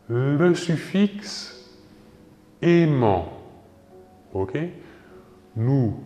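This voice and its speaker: A man teaching a French grammar lesson slowly, spelling words out letter by letter and checking in with "ok". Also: mid-range voice, a little mellow. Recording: echoey room with long reverb.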